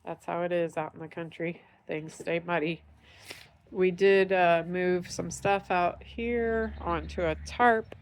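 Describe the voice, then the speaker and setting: Chatty woman, low voice, nasal. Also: fairly even intonation, takes it slowly, a little hiss or hum. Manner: chatty, upbeat, talking to viewers while working. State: congested, nasal from dust. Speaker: vlog host. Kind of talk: casual vlog narration. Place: dusty barn in the country.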